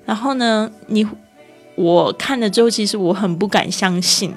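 A woman teaching English vocabulary, slowing down to read phrases and spelling words letter by letter. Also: medium pitch, faint music behind.

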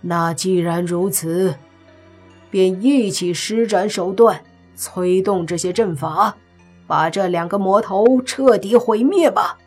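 This is a self-righteous old Taoist priest, voiced by a woman in a storybook reading. He scolds loudly in lofty, archaic phrases, and his voice is husky and a little breathy. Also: mid-range voice, slow pace, soft background music. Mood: commanding.

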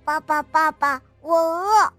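A woman's voice: sits high, takes it slowly, pushed and bright, dry recording, faint music behind, voice pushed up, heavily acted. A woman voicing a tiny, eager baby duckling in a children's story. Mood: pleading. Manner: squealing, eager.

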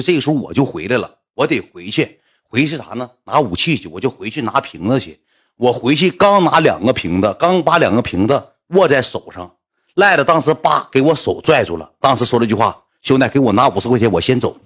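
A man's voice: medium pitch, sing-song, fairly quick, fairly bright tone, husky. A man with a Northeastern Mandarin accent telling a rambling, colloquial anecdote, often repeating himself. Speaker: storyteller.

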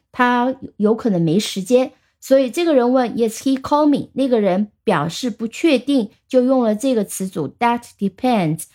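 A woman teaching vocabulary, explaining patiently and reading the example sentences slowly. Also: a little high, darkish tone. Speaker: English teacher. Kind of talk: vocabulary lesson.

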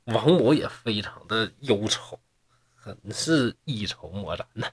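A man's voice: fairly low pitch, animated, unhurried, breathy edge. A man with a Northeastern accent retelling a classic tale in folksy oral storytelling, chatty with asides to his listeners. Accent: Northeastern Mandarin.

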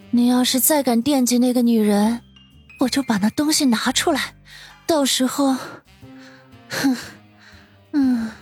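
A man's voice: very high-pitched, slow, pauses often, faint music behind, pitched above the performer's own voice. A man voicing a drunk young woman who mumbles drowsily in her sleep, for an audiobook. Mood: smug. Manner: drowsy slurred sleep-talk. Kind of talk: audiobook character voice.

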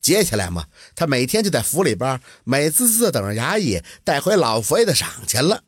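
A man telling a folk tale in a lively, colloquial storytelling manner. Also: mid-range voice, fairly quick, husky, dry recording, clean studio sound.

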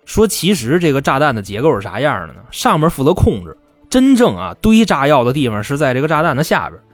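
Podcast host, male, casual storyteller who acts out the people in the story, animated delivery, faint music underneath. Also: medium pitch, fast, no echo. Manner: colloquial, salty, acts out the quoted people. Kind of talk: casual true-crime storytelling.

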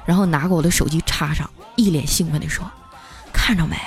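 A woman telling comic stories as a podcast host, lively and chuckling often. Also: sits low, fast talker. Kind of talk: comic storytelling. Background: background music.

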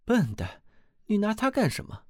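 Dude doing snooty young brothers, way higher, scornful and sneery. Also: male voice, wildly swooping pitch, normal speed, a little mellow, no echo, studio quality, exaggerated voice. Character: two mocking proud young brothers.

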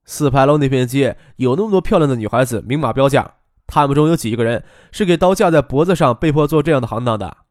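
A man's voice: mid-range voice, animated, fast, darkish tone, no echo, studio quality, close to an everyday voice. A man voicing a cynical, wisecracking young man in an audiobook. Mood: sardonic. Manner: sardonic, joking. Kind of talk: audiobook character voice.

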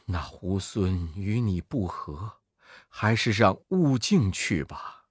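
A man doing a soft, frail old monk. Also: deep voice, animated, slow, husky, no echo, clean studio sound, voice pushed down, exaggerated voice. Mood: weary. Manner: soft, weary. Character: gentle, frail elderly male monk master.

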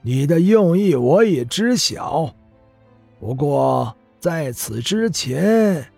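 Guy doing a calm old monk, super slow, husky and mellow. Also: on the high side, no room sound, faint music behind, pitched above the performer's own voice, heavily acted. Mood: serene. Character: calm wise old Buddhist monk, male.

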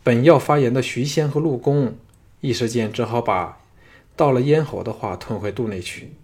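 A man's voice: medium pitch, moderate pace. Man narrating a novel. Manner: steady, storytelling delivery with commentary. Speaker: audiobook narrator.

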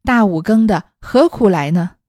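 A woman voicing a gentle young maidservant who talks in a soft, placating way. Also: medium pitch, animated, measured pace, no echo, clean studio sound.

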